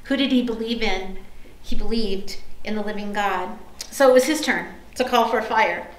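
A woman's voice: medium pitch, normal speed, echoey room, poor audio. A woman pastor giving a sermon, telling a story in a conversational way with fillers and asides to the listeners. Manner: conversational storytelling with many fillers and tag questions.

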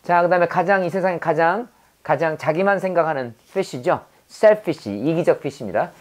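A woman teaching English vocabulary to a Korean-speaking audience with memory tricks, repeating each word and quizzing the listener. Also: fairly low pitch. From South Korea. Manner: repeats words and quizzes the viewer, drawn-out pronunciation drills. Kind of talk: vocabulary lesson with mnemonic wordplay.

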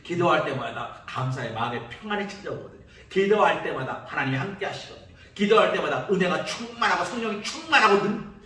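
A male pastor delivering a sermon, emphatic, swinging between loud high calls and quiet low lines. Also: expressive, fast talker. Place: church sanctuary. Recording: echoey church sanctuary from far off.

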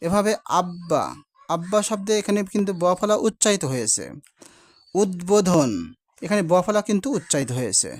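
A man's voice: sits high, big pitch swings. A man teaching a grammar lesson to students. He states each rule twice and leans on every example word so it sticks. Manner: repeats each rule slowly, stresses example words.

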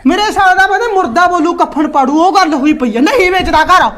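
A woman's voice: very high voice, a little fast, a bit bright. A woman playing a boastful village husband who rambles on about a get-rich scheme in a comic sketch. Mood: insistent. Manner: bragging, rambling, talks over his wife.

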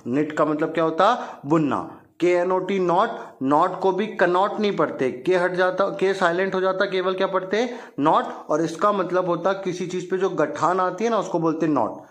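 A man teaching young children English words, repeating each one and asking it back as a question, and reading English lines slowly. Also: fairly high pitch. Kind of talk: classroom vocabulary lesson for children.

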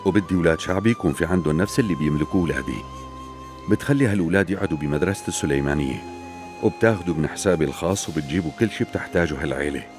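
An actor with a Syrian Arabic accent playing a commanding, benevolent sultan, speaking with authority in a dubbed period drama. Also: male voice, low-pitched, racing, over music, close to an everyday voice. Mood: commanding, resolute.

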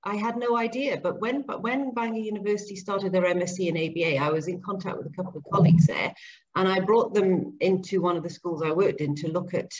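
A woman's voice: mid-range voice, fast. A middle-aged woman, a speech and language therapist, talking earnestly at length as a guest on a video-call interview from her home kitchen. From grew up in Zambia and Papua New Guinea. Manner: chatty, earnest, explains at length. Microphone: laptop webcam mic on video call. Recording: dull lo-fi call audio, faint noise.

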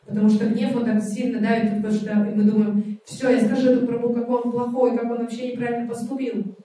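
A woman's voice: on the high side, flat delivery, fast, mellow, far from the mic. A woman working as a live interpreter, translating a lecture phrase by phrase with hesitant fillers and restarts. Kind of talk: consecutive spoken translation of a class. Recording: echoey hall, voice set back from the mic.

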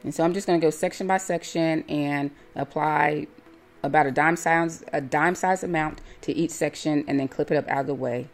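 A woman hair stylist calmly explaining each step of a hair tutorial in a voice-over. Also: deep voice, moderate pace, soft background music. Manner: calm, step-by-step instructive.

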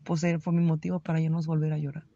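A middle-aged Mexican woman giving an earnest, halting personal faith testimony about recovering from addiction. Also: deep voice, little pitch movement, gravelly, mellow, no room sound. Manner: earnest, halting, emotional confession. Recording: slightly dull lo-fi audio with faint background noise.

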